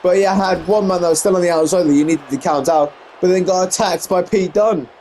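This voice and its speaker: A young English man casually commentates a wrestling video game, rambling, correcting himself, and exclaiming often. His voice is high and a little mellow, his delivery brisk, with a little hiss or hum in the recording.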